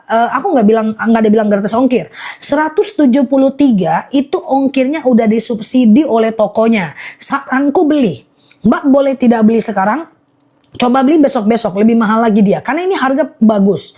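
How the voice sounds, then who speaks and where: A woman hosting a live shopping stream, reading out viewer comments and repeating prices and lists of ailments slowly. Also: fairly high pitch, a little mellow. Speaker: live-stream honey seller. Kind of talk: live shopping sales pitch.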